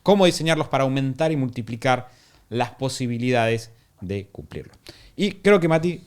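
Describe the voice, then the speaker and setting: A man with an Argentine accent hosting a podcast in a conversational way, with a hoarse, smoker-like rasp from being sick. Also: medium pitch, expressive, normal speed. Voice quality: raspy, smoker-like voice from being ill. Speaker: podcast host.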